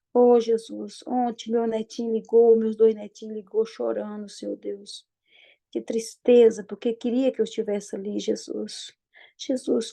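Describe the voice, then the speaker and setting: Older woman leading a heartfelt spoken prayer, gravelly and very mellow tone, pleads then fades to near silence. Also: fairly high pitch. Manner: fervent pleading, trailing off softly on each "Jesus". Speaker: prayer group member.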